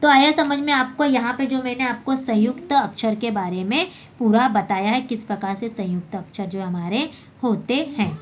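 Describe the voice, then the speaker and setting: A woman's voice: a little high, normal speed, slight background noise. A woman teaching a basic Hindi lesson, explaining step by step and often correcting herself.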